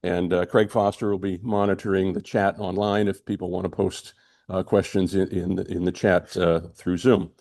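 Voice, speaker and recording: A man's voice: sits low, level tone, normal speed, a little mellow. A man acting as host, giving informal welcome remarks in front of a live audience and introducing presenters. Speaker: program director introducing presenters.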